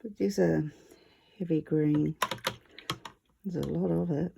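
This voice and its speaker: A woman's voice: deep voice, fairly even intonation, takes it slowly, vocal fry, muffled recording, noisy background. A woman with a wheezy voice, short of breath, chatting casually and easygoing as she presents a hands-on art tutorial. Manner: chatty, easygoing, self-deprecating.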